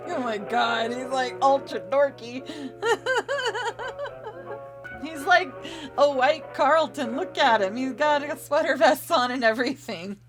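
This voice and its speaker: A woman's voice: high voice, unhurried, over music. A young woman hosting a casual movie-watching commentary, making sarcastic asides and giggling often. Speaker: host reacting to a film.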